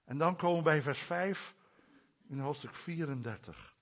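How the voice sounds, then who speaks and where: Husky, animated preacher with a lively voice. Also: male voice, normal speed. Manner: animated, swings from soft low asides to loud raised declarations. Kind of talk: sermon.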